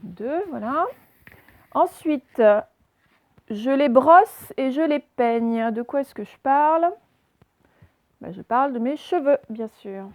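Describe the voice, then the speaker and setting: A woman teacher giving a recorded reading lesson, speaking slowly and clearly, asking questions and then answering them herself. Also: high voice, lively intonation, dry recording. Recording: dry, dull lo-fi recording.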